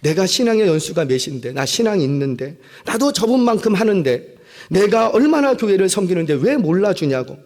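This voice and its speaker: Male pastor, animated sermon storyteller, high and very lively pitch, long church reverb. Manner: animated storytelling, acts out voices. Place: church sanctuary.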